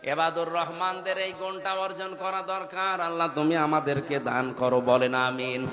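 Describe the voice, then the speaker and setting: A man in his thirties preaching a sermon, dropping to low murmurs and rising to loud chanted peaks. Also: steady tone, moderate pace. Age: 30s. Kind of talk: Bengali waz sermon with chanted passages. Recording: echoey hall with long reverb.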